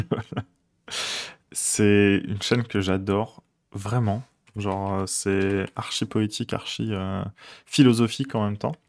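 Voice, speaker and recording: A man chatting casually with his viewers while he codes on a live stream, rambling with many fillers and quick chuckles. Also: on the low side, fairly even intonation.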